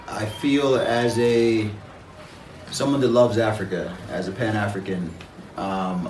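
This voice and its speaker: A man from Jamaica, a guest in an interview, speaking in a measured, reflective way with frequent pauses and fillers. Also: lowish voice, reverberant, recorded from a distance, slight background noise, poor audio. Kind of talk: conversational interview.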